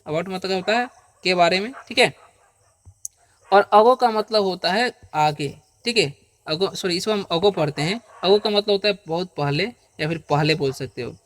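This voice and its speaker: A man with a fairly high voice teaching English pronunciation to beginners. He talks patiently and repetitively, often posing a question and answering it himself. He stretches the example sounds out slowly and keeps checking in with his listeners. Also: fairly bright tone. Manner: checks in with listeners with frequent "okay?" and "isn't it?". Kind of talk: Hindi-language pronunciation lesson.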